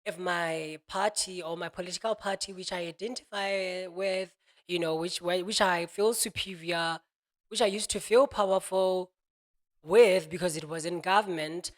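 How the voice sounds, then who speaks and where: Musing aloud, a man from Botswana speaks in a high, steady voice at an ordinary pace, a self-help speaker delivering a reflective monologue. "You know" runs through his talk, and he quotes imagined voices as if acting them out.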